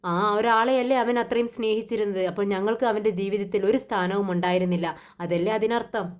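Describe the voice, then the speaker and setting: A woman voicing a defiant young wife who answers back with sharp, accusing questions. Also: medium pitch, steady tone, quick pace, lightly acted.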